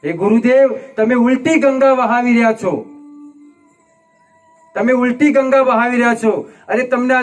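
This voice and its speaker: A man voicing a young grieving prince who reproaches himself with tearful, impassioned pleading. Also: sits high. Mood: indignant.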